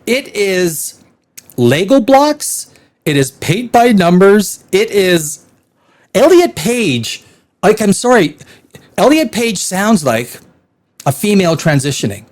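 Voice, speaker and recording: A man's voice: sits high, big pitch swings, slow pace. A man hosting a blunt, sarcastic movie review, laughing often as he rants. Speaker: film critic host.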